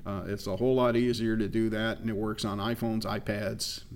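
A man co-hosting a casual tech advice show, explaining things in a relaxed way with frequent fillers. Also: lowish voice, normal speed. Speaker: co-host.

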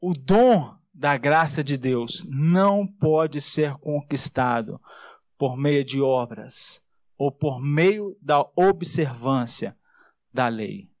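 A Brazilian man preaching a sermon as a pastor, in a conversational style full of rhetorical tag questions, slowing down and dropping low on key words. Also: no room sound. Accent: Brazilian Portuguese. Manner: slows and drops low on key words, then rises fast.

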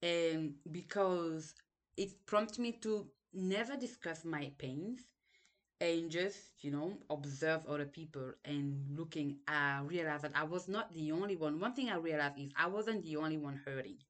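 Low-voiced and a little slow, this young podcast host from Cameroon speaks with a Cameroonian accent. She looks back on her past hesitantly, in a monologue full of restarts and ums.

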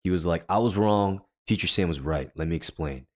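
In a relaxed chat, a worship leader who also co-hosts a podcast tells his own story in a deep voice, speaking a little fast. He rambles, leaning on fillers and starting over often.

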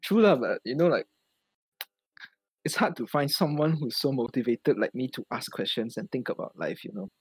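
A man's voice: mid-range voice, lively intonation, moderate pace, breathy edge, no echo, low-quality recording. A young man with a Singaporean accent hosting a casual podcast in colloquial Singlish, using particles like lah and ah. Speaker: podcast host.

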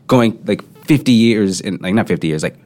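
A man's voice: fairly low pitch, animated, fairly quick, a little mellow. A young man co-hosting a casual podcast chat, reflective and thinking aloud, with many filler words. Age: young adult. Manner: reflective, heavy use of filler "like". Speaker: podcast co-host.

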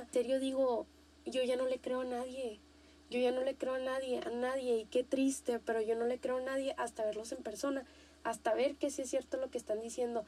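A young Mexican woman chats casually on her podcast, high-pitched yet with a mellow, darkish tone. She talks in an animated, slangy way, often repeating a point for emphasis. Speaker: podcast host.

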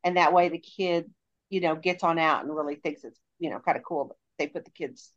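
A woman's voice: deep voice, brisk, muffled recording. A woman who runs a haunted attraction, talking in chatty podcast conversation. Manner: chatty, many fillers. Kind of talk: casual podcast chat.

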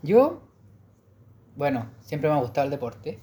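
Young Chilean man, relaxed chatty host. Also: a little high, unhurried, a little hiss or hum. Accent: Chilean Spanish. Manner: relaxed, rambling with restarts. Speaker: podcast co-host. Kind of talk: casual chat.

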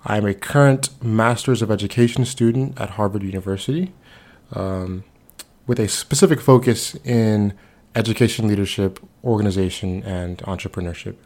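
Podcast host, twenties, from the Bahamas, lowish voice, easygoing and chatty. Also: male voice, normal speed. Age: 20s. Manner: relaxed, conversational, with frequent fillers. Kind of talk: solo podcast introduction.

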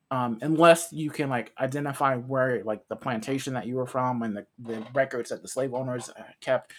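American man, podcast co-host, earnest, long explanations, mid-pitched voice. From United States. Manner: earnest, explains at length with restarts. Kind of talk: casual conversational podcast.

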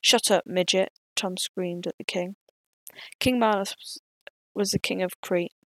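Woman reading a story, gravelly edge. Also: medium pitch, steady tone, unhurried. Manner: plain reading with slips and restarts. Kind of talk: reading an original story aloud.

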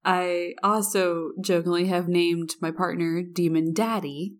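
A woman's voice: fairly low pitch, fairly even intonation, measured pace. A woman co-hosting a podcast in casual comedic chat, teasing and slipping into little imagined dialogues. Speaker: podcast co-host.

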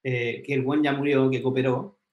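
A man's voice: medium pitch, normal speed, muffled recording. A man with a Chilean Spanish accent, chatting casually about an anime and acting out scenes as he retells them. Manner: animated, slangy, retells scenes with acted quotes. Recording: echoey room.

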